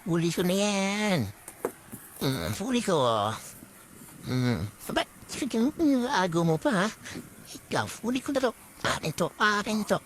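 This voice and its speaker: A woman's voice: medium pitch, sing-song, measured pace, slight background noise. A woman voicing a playful, clingy female pet dog who talks to her owner in a sing-song, teasing way for a vlog voice-over.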